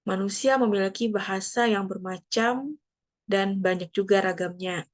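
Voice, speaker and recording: Speaking at medium pitch and a moderate pace, a teacher from Indonesia lectures her class in a coastal area. She walks through the material step by step, often using fillers and tag questions.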